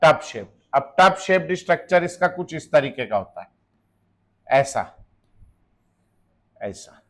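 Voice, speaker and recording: A man's voice: fairly high pitch, lively intonation, slow pace, fairly bright tone. A man teaching chemistry to a class. He keeps asking the students questions and answers them himself, jokes with them and slips in English phrases. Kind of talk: classroom lecture.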